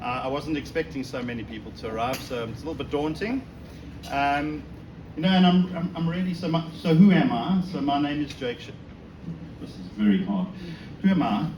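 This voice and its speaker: A South African man gives an informal religious talk before an audience indoors at a synagogue, speaking briskly in a fairly high voice. He's conversational and self-deprecating, often asking rhetorical questions. The recording has room echo, a distant mic, and a noisy background.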